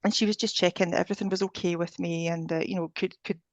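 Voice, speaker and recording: A woman's voice: fairly low pitch, fairly even intonation, quick pace, no room sound, dull audio. A woman with a Scottish accent, chatting as an interview guest, with frequent fillers and restarts. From Scotland. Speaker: guest, ascension coach. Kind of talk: casual interview chat.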